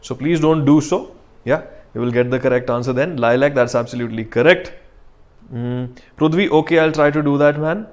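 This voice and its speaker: A young man speaks with a North Indian accent at a middling pitch. He lectures like an online teacher, informal and conversational. He addresses students directly and offers encouragement as he explains. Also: a little fast. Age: young adult. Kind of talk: conversational lecture to students, mixing English and Hindi. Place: indoor studio in front of a digital board.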